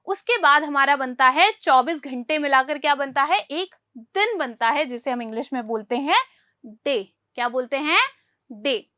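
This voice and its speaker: A woman's voice: high-pitched, expressive, measured pace, sharp tone, no room sound. A woman teaching English pronunciation, quizzing her listeners and repeating each word back. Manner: repeats words with quizzing questions. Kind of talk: spoken English lesson in Hindi.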